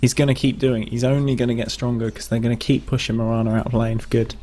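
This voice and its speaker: A man co-casting a live video game match, giving casual quick analysis. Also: medium pitch, flat delivery, dark tone. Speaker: esports co-caster.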